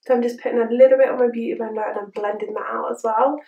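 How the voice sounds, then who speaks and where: A young woman talks in a perky, fairly high voice, like a beauty vlogger giving a casual review. Her manner is chirpy and informal. The room adds a noticeable echo around her words. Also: fairly even intonation, rapid-fire, recorded from a distance, muffled recording, slight background noise. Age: young adult. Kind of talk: casual chat to camera, product review. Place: small room indoors. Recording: roomy indoor echo.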